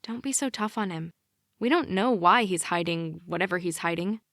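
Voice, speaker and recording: A woman voicing a protective teenage boyfriend in an audiobook, speaking calmly and reassuringly in a slightly lowered voice. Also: moderate pace, no echo, studio quality. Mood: soothing.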